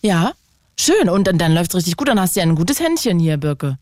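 A woman's voice: on the low side, sing-song, a little fast, no echo, clean studio sound. A woman hosting a radio call-in show, chatting encouragingly with callers and asking questions. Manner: warm, encouraging, enthusiastic reactions.

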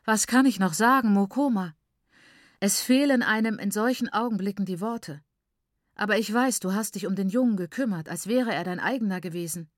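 A woman reads a distraught middle-aged father mourning his son, his voice pushed higher and louder with grief. He laments in strained bursts. The recording is dry and close, with no room sound. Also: fairly quick, dry recording, natural voice. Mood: sorrowful.

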